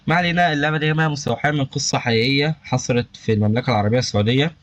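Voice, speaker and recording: Rapid-fire Egyptian young man gaming. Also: mid-range voice, no room sound. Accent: Egyptian Arabic. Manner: rapid, excitable chatter with nervous exclamations. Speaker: gaming YouTuber. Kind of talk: horror game let's-play commentary.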